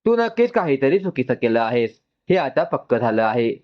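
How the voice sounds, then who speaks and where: Acting lightly, a man plays an angry, suspicious sister in a storybook drama, firing off accusing questions at normal speed. His sharp, interrogating delivery is sing-song with big pitch swings, and the sound is a bit dull and lo-fi.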